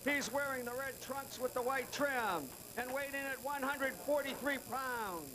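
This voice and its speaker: A man's voice: extremely high pitch, fairly even intonation, measured pace. A man announcing boxing introductions formally, projecting and drawing out names in a live venue. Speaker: ring announcer. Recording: noisy live fight venue.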